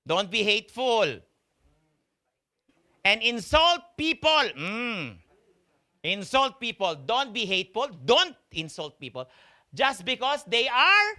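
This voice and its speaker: A Filipino man preaching a sermon in a mix of Tagalog and English, often asking his listeners questions. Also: clean tone. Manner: mixes Tagalog and English, asks the congregation questions; slow, emphatic delivery with sharp swings in pitch and volume.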